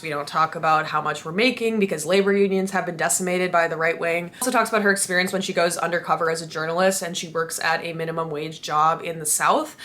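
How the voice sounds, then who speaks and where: A woman's voice: fairly low pitch, pushed and bright. A young woman chatting casually to camera as a running vlogger, in an informal, chatty way. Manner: informal, chatty, mild swearing.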